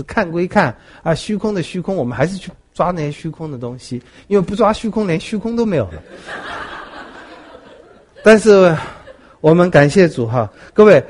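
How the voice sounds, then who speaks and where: A man preaching a sermon, telling stories with animated swings between soft and loud. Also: on the high side. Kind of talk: sermon with storytelling.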